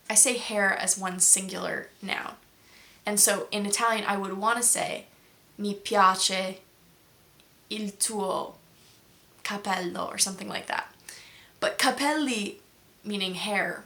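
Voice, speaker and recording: A woman's voice: medium pitch, fairly bright tone. Chatty woman teaching language. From United States. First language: English. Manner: chatty, explains patiently with many examples. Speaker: language-learning video host. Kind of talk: casual video lesson.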